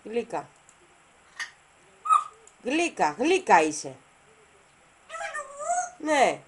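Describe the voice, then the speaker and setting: Woman cooing lively pet talk. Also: medium pitch, a little hiss or hum. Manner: coaxing, affectionate pet talk; repeats short phrases. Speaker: parrot owner. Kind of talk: casual talk to a pet parrot.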